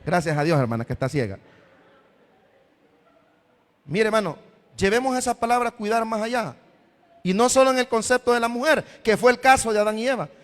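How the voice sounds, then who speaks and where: A man's voice: high-pitched, expressive, brisk, long pauses, a bit bright. A man preaching a sermon as pastor, often calling his listeners brother and voicing their imagined questions. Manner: voices imagined questions from the congregation. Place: church hall. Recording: long hall reverb.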